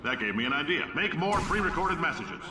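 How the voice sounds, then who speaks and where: A man's voice: on the high side, sing-song, fairly quick, background noise. An actor playing a brash, boastful male company boss who talks through recorded test messages in a game. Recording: game audio in a roomy, distant echo with music under it.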